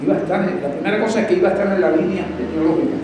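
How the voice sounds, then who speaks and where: A man's voice: sits high, racing, background noise. A man preaching a sermon as pastor, telling a story with emphatic, rising cries. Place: church sanctuary. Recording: echoey church hall, distant mic.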